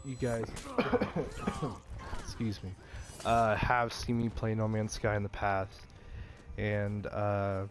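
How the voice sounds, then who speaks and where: A young man with a stuffy nose hosts a gaming channel and chats casually about video games in a vlog, rambling with lots of fillers and restarts. His voice is lowish and steady, and he speaks slowly with long pauses.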